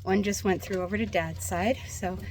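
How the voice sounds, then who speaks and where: An American woman chatting casually to camera while sitting outdoors in an animal pen, gently soothing the animals. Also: mid-range voice, steady tone, moderate pace, a little hiss or hum. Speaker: homestead vlogger. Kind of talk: casual vlog narration.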